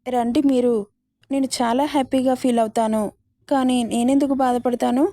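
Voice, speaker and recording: A woman's voice: high voice, level tone, normal speed, mellow, dry recording, clean studio sound. A woman voicing a loving young husband who pleads tenderly with his wife in a storybook reading.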